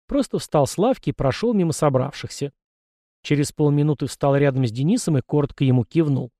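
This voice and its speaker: A man narrates an audiobook in a steady storytelling voice. His tone is mellow and warm, a little higher than most men's. The sound is close and dry, with no room around it. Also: brisk, no echo. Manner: even storytelling, voicing characters with a raised pitch. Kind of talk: scripted narration.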